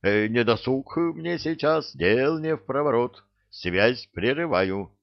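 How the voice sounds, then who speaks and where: A man's voice: mid-range voice, expressive, takes it slowly, creaky, no room sound, highs cut off, pitched above the performer's own voice. A man voicing a cheeky, glib young adventurer who wheedles, in an audiobook. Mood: evasive. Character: cheeky young male adventurer, smooth-talking chancer.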